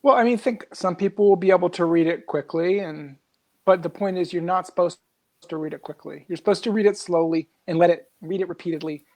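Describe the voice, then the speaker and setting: A man's voice: sits high, fairly quick, a little mellow. A man appearing as a guest in a casual group discussion over a video call, speaking earnestly and reflectively and stressing his points.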